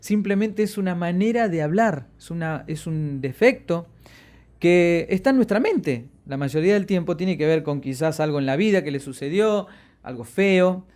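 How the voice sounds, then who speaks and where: A man giving a voice-training lesson, playing with his pitch and loudness and stretching out key words for emphasis. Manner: expressive, varies pitch and loudness on purpose, drawn-out emphasis. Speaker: voice and media instructor. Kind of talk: lecture on voice projection.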